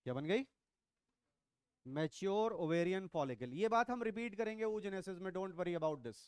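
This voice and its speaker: Middle-aged male biology teacher, high smooth voice, playful and quizzing. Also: expressive, moderate pace, no echo, clean studio sound. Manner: teasing, quizzing students, mixes English into Hindi. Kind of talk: classroom lecture. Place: classroom.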